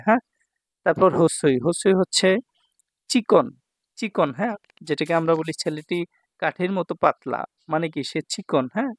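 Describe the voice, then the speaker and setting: A man's voice: a little high, dry recording, studio quality. A man from Bangladesh, patiently explaining Japanese vocabulary as a teacher and often checking that his students follow. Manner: explains patiently, checks in with "ঠিক আছে ভাই?".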